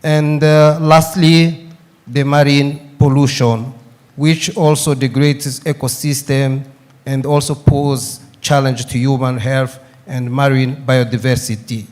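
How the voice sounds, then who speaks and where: Mid-pitched Mozambican man giving a speech. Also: fairly even intonation, takes it slowly, a little mellow. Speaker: university representative speaking at a congress. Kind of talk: formal prepared short speech.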